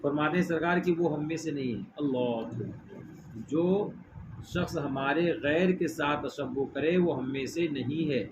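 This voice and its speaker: A middle-aged man, teaching a religious lesson in a hall. He keeps asking his listeners questions and has them repeat phrases back. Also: a little high. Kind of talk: religious lesson with call-and-response. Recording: muffled with steady background noise.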